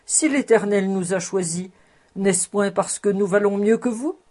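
A woman's voice: medium pitch, measured pace, warm tone, lightly acted. A woman voicing a shrewd old rabbi. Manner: sly, proverb-loving, nasal at times.

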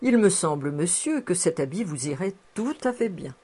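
A woman performs a cheerful, fussing housekeeper of sixty-four who is toothless and chuckles while coaxing someone. Her delivery is lowish, mellow and husky, at normal speed, with wide swings in pitch.

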